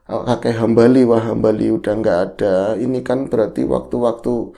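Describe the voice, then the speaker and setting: Gravelly man telling a horror story. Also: mid-range voice, level tone, normal speed, warm tone. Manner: conversational, leads the story and checks in with his co-host. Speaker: podcast co-host, storyteller.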